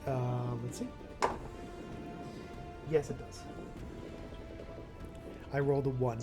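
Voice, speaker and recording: A man playing a tabletop game, announcing his rolls and moves slowly and deliberately with fillers. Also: mid-range voice, level tone, over loud music. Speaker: player. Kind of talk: casual chat.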